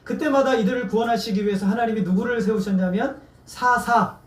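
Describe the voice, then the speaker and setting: A man's voice: high voice, fairly quick. A man preaching a sermon as pastor, asking the congregation questions and having them answer back. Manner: asks the congregation questions and has them repeat words. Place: church sanctuary. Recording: echoey church from far off.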